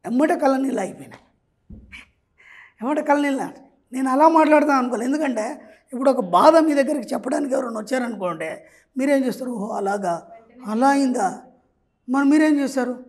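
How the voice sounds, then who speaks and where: A man's voice: extremely high pitch, quick pace, pauses often. A man, speaking as a spiritual money coach in an interview. He lectures emphatically and keeps asking if the listener understood.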